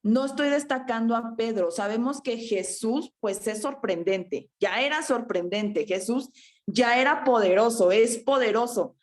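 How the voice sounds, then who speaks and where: Slow-speaking woman preaching a sermon. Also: a little high. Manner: frequent rhetorical "¿verdad?" and "ajá"; addresses congregation as hermanos.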